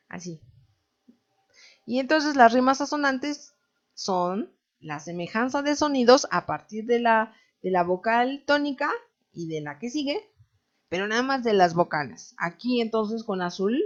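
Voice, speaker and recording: A woman teacher with a Mexican Spanish accent explains verse and rhyme step by step, often pausing to check that her students follow. Her voice sits at a middle pitch. The recording sounds a little dull and lo-fi. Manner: patient, explanatory, often asks "¿no?". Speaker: literature teacher. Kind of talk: recorded online class.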